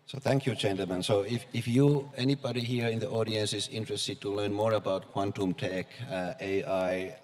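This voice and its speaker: A man moderates a live panel, moving briskly between guests. His voice sits somewhat low, and his questions are informal. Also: steady tone, a little mellow.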